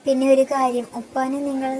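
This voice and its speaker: A woman voicing a tearful young wife who pleads in a soft, grief-stricken way. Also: high voice, completely flat delivery, a little fast, heavy background noise, voice pushed up, lightly acted. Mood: grieving.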